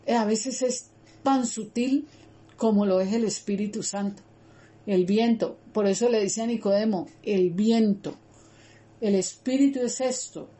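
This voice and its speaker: A woman leads a Bible study in a mellow, warm voice, earnest and conversational. She repeats phrases for emphasis and keeps turning to talk straight to her listeners. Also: on the high side. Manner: earnest, repetitive, addresses listeners directly.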